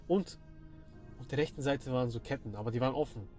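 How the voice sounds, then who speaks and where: A young man narrating a spooky storytime in loose street slang, talking straight to his listeners. His voice sits at an ordinary middle pitch, with music playing clearly behind him. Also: quick pace, dark tone. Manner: slangy, addresses listeners directly. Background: background music.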